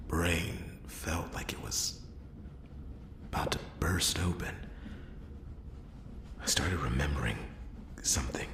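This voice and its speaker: A man voicing a world-weary noir detective in a whispered role-play, brooding and halting, with dramatic pauses and a gravelly, breathy voice. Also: extremely low pitch, roomy sound, full character voice. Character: world-weary male noir detective piecing together a murder.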